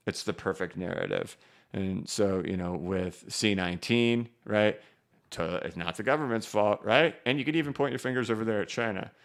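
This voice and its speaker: A man's voice: lowish voice, clean tone. A man hosting a casual live market stream, rambling with many fillers and "right?" tags. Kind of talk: casual livestream commentary.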